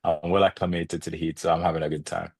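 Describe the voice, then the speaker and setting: A man's voice: low voice, level tone, fast, gravelly, no room sound. A man in his thirties from Jamaica with a Jamaican accent, a fitness expert being interviewed, reflective and often laughing as he tells his story.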